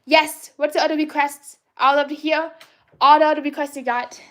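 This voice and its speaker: High, childlike woman chatting on a livestream. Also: level tone, normal speed, fairly bright tone. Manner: childlike, playful, chatty with frequent restarts. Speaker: livestream artist host. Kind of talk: casual livestream chat while drawing.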